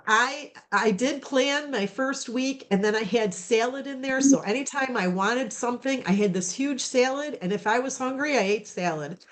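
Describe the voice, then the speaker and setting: Woman on a video call telling her story, kinda high voice, lots of ums and restarts. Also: normal speed. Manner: rambling, with many fillers and restarts. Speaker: program client giving a testimonial. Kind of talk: casual personal testimony.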